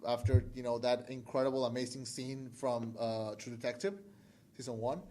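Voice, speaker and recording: A man's voice: medium pitch, fairly even intonation, moderate pace, mellow. A young man co-hosting a casual film podcast, talking in a rambling, crude way with lots of fillers and restarts. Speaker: podcast co-host.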